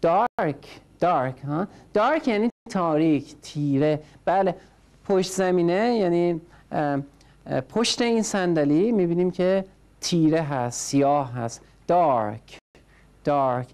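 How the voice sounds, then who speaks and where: A woman's voice: on the low side, animated, darkish tone. A woman teaching a language class, patiently drilling words by repetition and prompting each learner in turn. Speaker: English teacher.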